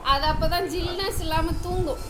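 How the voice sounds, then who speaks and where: Very high-pitched woman scolding her dogs. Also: fairly even intonation, normal speed. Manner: scolding, teasing, asking questions over and over. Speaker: dog owner vlogger. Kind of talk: casual talk to her pet dogs. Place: home. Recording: noisy home recording.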